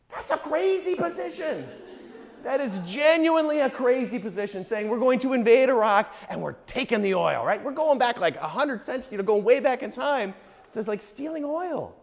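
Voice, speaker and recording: A man's voice: sits high, expressive, normal speed. A male political science lecturer giving a public talk in a conversational, sarcastic way, often checking in with the audience. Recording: echoey hall with long reverb.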